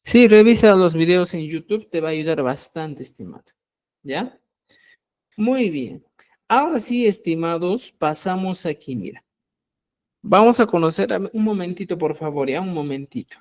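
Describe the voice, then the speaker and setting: A man teaching a live online language class, explaining slowly and patiently and checking often that his students follow. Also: high voice, lively intonation, a little mellow.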